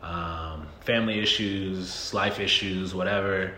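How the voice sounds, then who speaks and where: Speaking unhurriedly, a candid, low-voiced Southern US man in his 30s chats casually as a podcast guest. Frequent "um"s and "you know what I mean"s mark his relaxed manner, heard in an echoey room with faint noise.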